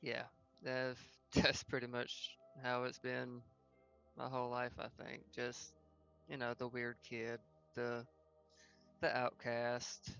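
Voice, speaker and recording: A player voicing an awkward, unsure teenage outcast in a tabletop game, speaking haltingly. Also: medium pitch, monotone, a bit bright, clean tone, muffled recording, faint music behind. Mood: reflective, unsure. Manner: halting, hesitant. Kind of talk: in-character tabletop roleplay.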